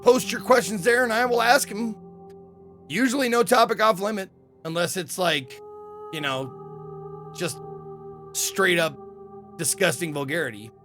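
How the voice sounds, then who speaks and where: A man's voice: high-pitched, fairly bright tone. A man giving informal, jokey let's play commentary as a game streamer. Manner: informal, jokey, reacts and reads dialogue aloud. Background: game music.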